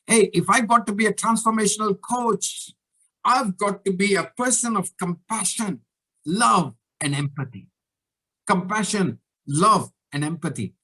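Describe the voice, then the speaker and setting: A male coach educator gives a motivational talk that mixes a story with lessons. He speaks in an animated, emphatic way, stressing key words. His voice sits high for a man. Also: unhurried, breathy edge.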